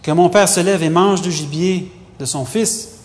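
A man's voice: high voice, a little slow. A man reading the part of a wronged elder son who is a hunter, pleading earnestly. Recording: long hall reverb.

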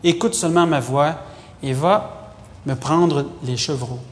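A man's voice: on the high side, a little slow, close to an everyday voice. Rebecca, a determined scheming mother, read by a man. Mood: insistent. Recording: long hall reverb.

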